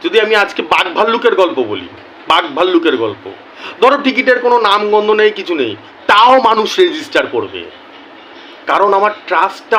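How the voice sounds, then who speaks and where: A man talking earnestly to his viewers as a YouTuber, slow and deliberate, often repeating key words for emphasis. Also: sits high, pushed and bright, a little hiss or hum, rough recording. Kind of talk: earnest casual talk to camera.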